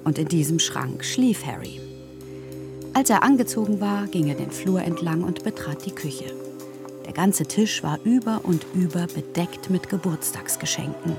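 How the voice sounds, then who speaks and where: A woman reads a novel in a calm, measured storytelling voice. Her tone sits low with a gravelly edge, and music plays clearly underneath. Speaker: narrator reading a novel. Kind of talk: literary reading.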